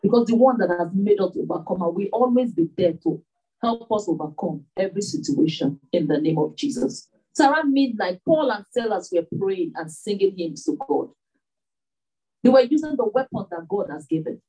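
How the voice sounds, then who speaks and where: A woman's voice: mid-range voice, animated, moderate pace, dark tone, husky, recorded from a distance, rough recording. A woman preaching a sermon, full of rhetorical questions and repeated phrases.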